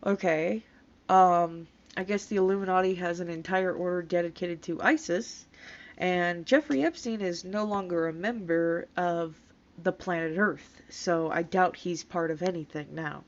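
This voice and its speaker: A woman's voice: lowish voice, unhurried. A woman reading comments aloud in disbelief and adding casual, sarcastic, scoffing commentary with plenty of swearing. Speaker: YouTube commentator reacting to comments. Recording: dull, lo-fi sound.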